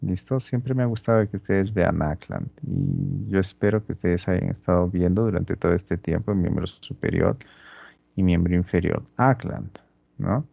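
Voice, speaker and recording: A man teaching anatomy over a dissection in a slow, deliberate way, constantly checking that the students follow. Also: low voice, vocal fry, no room sound, highs cut off. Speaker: anatomy instructor. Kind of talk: lecturing during a dissection demonstration.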